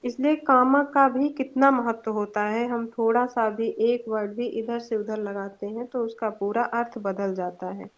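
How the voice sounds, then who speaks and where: A woman's voice: fairly high pitch, fairly even intonation, a little slow, hardly any pauses. A young woman giving a student presentation in an online class, explaining points with examples and a few hesitant fillers. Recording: dull lo-fi online class audio.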